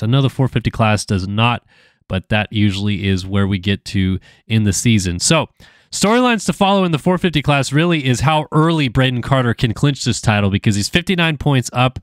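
A man with a medium-pitched, animated voice gives casual live commentary on a simulated motocross race at a normal pace. He sounds slightly nasal from a cold and talks freely, full of ums and uhs. The recording is dry and clean, with a studio sound.

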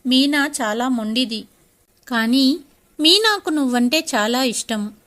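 A woman's voice: high-pitched, animated, a little slow, fairly bright tone. A woman voicing a stern but caring older father in a storybook reading.

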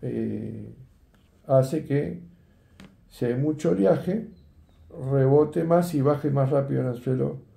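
Speaking slowly with long pauses, an older man with a medium-pitched, creaky, dark voice walks viewers through assembling a fishing rig at an indoor table. He keeps the demonstration chatty, often checking in with "¿eh?" and "¿ves?". The workroom is echoey.

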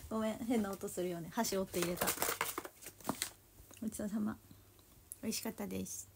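A woman's voice: medium pitch, normal speed, vocal fry, heavy background noise. A woman in her twenties from Japan, chatting casually to viewers on a livestream and teasing them in a playfully pouty way. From Toyama, Japan. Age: 20s. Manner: chatty and playfully pouty, calls herself by a nickname. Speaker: idol livestreamer.

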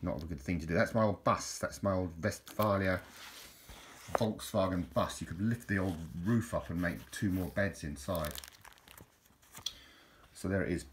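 A man's voice: deep voice, background noise. A middle-aged man, casually reminiscing over old photos in a rambling way, often repeating his words. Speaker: vlogger.

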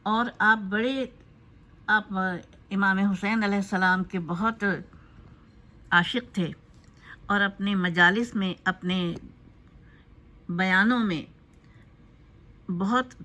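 A woman giving a spoken tribute in a loose, unscripted way, pausing often with fillers. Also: medium pitch, fairly even intonation, bright, forceful tone. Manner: hesitant, with frequent filler pauses. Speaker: narrator of a tribute video.

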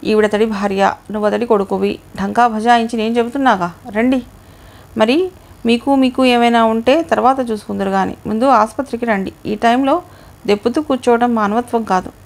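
A woman's voice: fairly high pitch, steady tone, fairly quick, close to an everyday voice. A woman voicing a scheming, pushy middle-aged man in a storybook reading, lecturing and pressing. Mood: insistent.

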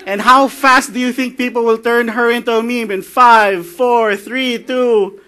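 A Filipino-accented man gives a conference talk in a light, joking way, his voice high and bright. He chats easily with the crowd and slips in bits of Tagalog. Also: steady tone, a little slow. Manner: joking, chatty, mixes in Tagalog phrases. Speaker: conference speaker. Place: conference hall.

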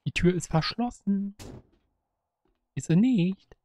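A woman's voice: mid-range voice, takes it slowly, warm tone, a little hiss or hum. A woman giving chatty let's-play commentary, giggling, teasing the enemies and slipping into sing-song rhymes. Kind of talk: casual gameplay commentary.

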